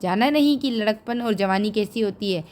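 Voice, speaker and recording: A woman reading the part of a hot-headed young village man who shouts threats. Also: mid-range voice, moderate pace, close to an everyday voice. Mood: angry.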